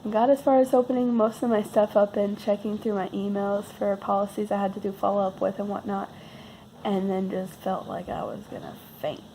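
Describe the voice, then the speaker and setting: A woman's voice: medium pitch, dark tone, a little hiss or hum, poor audio. A woman vlogger who sounds sick and losing her voice, telling a casual, rambling personal story with wry, self-deprecating understatement.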